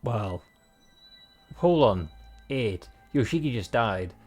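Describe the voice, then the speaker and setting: Soft music plays while a man with a medium-pitched, animated voice works through a visual novel at an unhurried pace. He reads the narration aloud and wanders into joking remarks stuffed with fillers.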